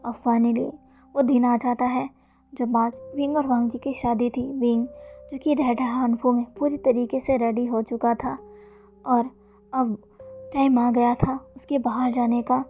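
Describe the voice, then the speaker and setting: A woman narrating fan fiction in a steady, plain storytelling manner. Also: on the high side, measured pace. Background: faint background music.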